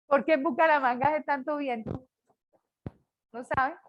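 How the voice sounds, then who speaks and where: Lively older Colombian woman teaching. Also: high-pitched, slow pace, lo-fi sound. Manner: lively, jokes with students. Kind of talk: online class lecture.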